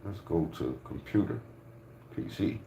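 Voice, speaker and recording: Deep and dark-toned, this man talks at a measured pace as he delivers loose, profane, joking reaction commentary on a video, repeating himself a lot. He is a reaction streamer, recorded with a roomy echo and faint noise.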